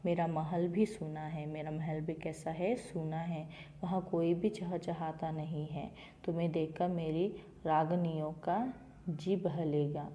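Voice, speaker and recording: A woman's voice: deep voice, fairly even intonation, measured pace, warm tone, a little hiss or hum. A woman teacher reading a story aloud to schoolchildren, then repeating and explaining each line in simple words. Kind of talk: reading a Hindi textbook lesson aloud and explaining it to children.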